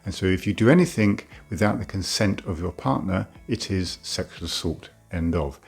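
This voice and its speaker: A man with a deep, low-pitched voice gives a plain-spoken educational talk as a doctor. His tone has a gravelly, creaky texture, and he states things bluntly, padding the pauses with "uh". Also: animated, darkish tone, soft background music. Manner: frank, plain-spoken, many "uh" fillers.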